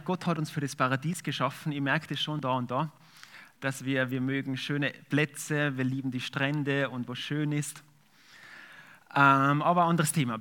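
A man's voice: fairly high pitch, sharp tone. A man preaching a sermon, reading scripture aloud and then explaining it in a conversational way with fillers. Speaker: pastor.

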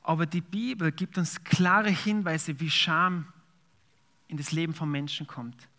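A man's voice: on the high side, steady tone, measured pace, bright, forceful tone. A man preaching a sermon, reading scripture aloud and then explaining it in a conversational way with fillers. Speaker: pastor.

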